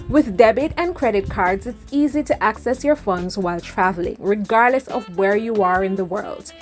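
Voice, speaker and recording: A woman hosts a travel advice vlog in a somewhat high-pitched voice. Her scripted delivery is upbeat and neatly ordered, moving step by step. Light music plays behind her narration. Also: a little mellow. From Jamaica. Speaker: travel vlogger and host.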